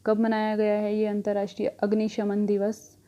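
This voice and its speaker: A woman's voice: medium pitch, monotone, normal speed, mellow, highs cut off. Woman teaching quiz tricks. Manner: asks a question, then answers it herself, repeating. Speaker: current affairs teacher. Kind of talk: quiz lesson with rhyming memory tricks.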